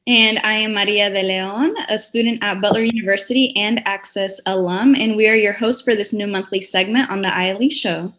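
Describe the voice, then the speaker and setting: A young female student co-hosting an interview. She sets up the topic and asks her questions plainly at a middle pitch. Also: fairly even intonation, brisk, few pauses, fairly bright tone. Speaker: co-host, student.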